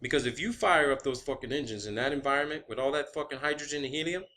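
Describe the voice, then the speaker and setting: Medium in pitch, quick in pace, and bright and forceful in tone, this man explains things as an amateur science vlogger. His monologue is improvised, emphatic, and profane, with words repeated for stress and questioning tags used to check his points.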